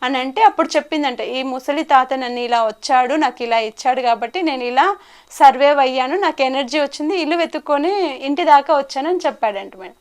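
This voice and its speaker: A woman's voice: high-pitched, a little fast. A woman life coach in an interview, telling stories and acting out the quoted lines. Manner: animated storyteller, acts out quoted lines. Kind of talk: storytelling in an interview.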